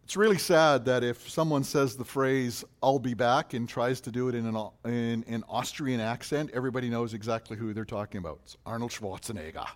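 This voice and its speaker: A pastor preaching a sermon, asking questions in a rising voice and answering them more quietly. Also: male voice, medium pitch, fairly quick, hardly any pauses.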